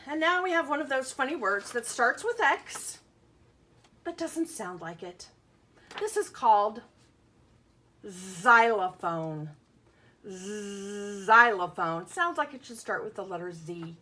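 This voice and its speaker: A woman with a mid-range, lively voice speaks slowly in a pushed, bright tone, with slight background noise. She's teaching young children through a picture-book read-aloud, explaining simply, asking questions, and sounding out letters and words with emphasis.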